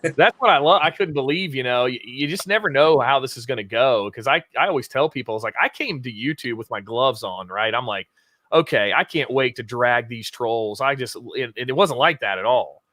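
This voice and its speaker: A man chats as a guest about how he got started, talking with lots of energy and frequent laughs. His voice is bright and forceful. The sound is close and dry. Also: medium pitch, a little fast, no echo. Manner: energetic self-styled hype talker, laughs often. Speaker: guest YouTuber. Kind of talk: casual interview chat.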